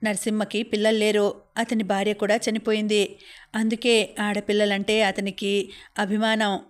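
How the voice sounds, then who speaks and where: A woman narrating a serialized audiobook novel with a steady, even reading. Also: mid-range voice, normal speed. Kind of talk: scripted story narration.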